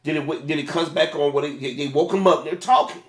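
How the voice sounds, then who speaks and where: A middle-aged man, a former fast food manager, giving casual, plain-spoken commentary on a video. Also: a little high, reverberant.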